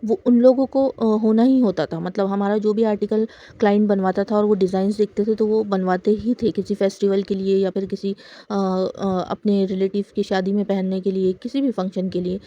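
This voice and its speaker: Woman doing a boutique vlog, mellow, warm voice, lots of "uh"s, salesy and chatty. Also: medium pitch, flat delivery, moderate pace, highs cut off. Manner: chatty salesy, many fillers. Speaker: boutique owner and lecturer. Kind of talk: product showcase talk.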